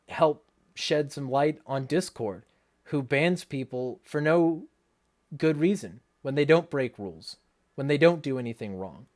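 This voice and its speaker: Man, medium pitch, livestream rant, blunt, foul-mouthed, indignant, sarcastic. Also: darkish tone. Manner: blunt, heavily sweary. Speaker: livestream host. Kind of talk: ranting livestream talk, reading viewer comments.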